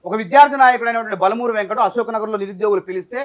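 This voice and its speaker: A man's voice: high-pitched, rapid-fire. A man, speaking as a party spokesman in a heated debate who tells a folk parable at length and talks over interruptions.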